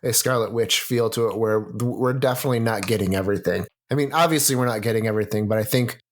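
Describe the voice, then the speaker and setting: Man, low pitch, casual podcast chat, halting, hesitant, thinking aloud. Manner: halting, hesitant, full of fillers. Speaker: podcast co-host.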